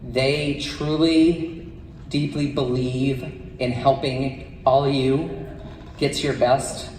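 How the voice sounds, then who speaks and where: A man's voice: mid-range voice, little pitch movement, slow, darkish tone. A man giving a live presentation to an assembly of students as the event's presenter. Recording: echoey hall from far off, faint noise.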